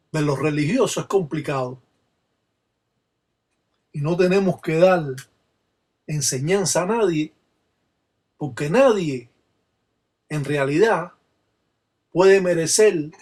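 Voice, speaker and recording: Slow husky Cuban man. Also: fairly high pitch, darkish tone. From Cuba. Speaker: Palo Mayombe religious teacher. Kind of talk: slow explanatory talk.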